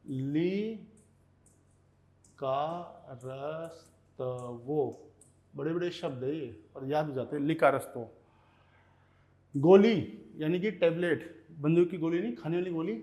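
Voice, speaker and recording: A man teaching Russian vocabulary in Hindi, repeating each word slowly and checking in with "okay" as he goes. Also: on the high side, darkish tone. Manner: repeats words slowly, often says "ठीक है". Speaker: language teacher.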